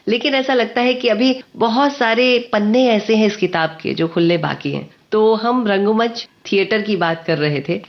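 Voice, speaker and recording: A woman presenting a radio interview, polished and formal, with frequent affirming interjections. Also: medium pitch. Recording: dull lo-fi radio studio sound.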